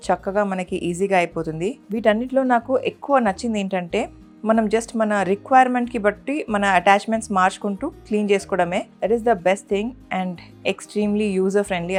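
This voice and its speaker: A woman vlogger narrating a product demonstration in a steady, explaining manner, mixing in English. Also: mid-range voice.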